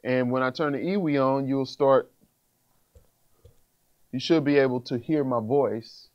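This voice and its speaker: Speaking at a measured pace in a mid-range voice, a music instructor in his thirties with an American accent casually explains gear one step at a time. He is indoors in a small music studio. Electrical hum and fan noise run underneath a dull-sounding recording.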